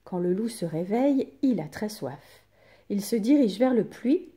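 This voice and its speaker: Slow, mellow woman telling children's tales. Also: mid-range voice. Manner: expressive, unhurried storytelling. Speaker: storyteller. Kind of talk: children's story reading.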